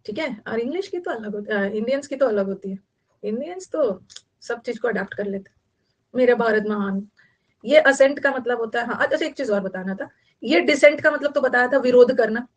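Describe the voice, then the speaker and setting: A woman's voice: on the high side, fairly quick. A woman teaching an online English vocabulary class, explaining each word in mixed Hindi and English and repeating terms many times, with an Indian accent.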